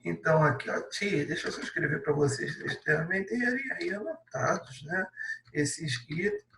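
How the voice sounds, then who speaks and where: A man's voice: fairly high pitch, animated, moderate pace, creaky, sharp tone, echoey room, recorded from a distance, poor audio. A male teacher with a Brazilian Portuguese accent, patiently correcting an exercise step by step and checking in with his students. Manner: patient, explains step by step, adds many tag questions. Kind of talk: classroom lesson correction.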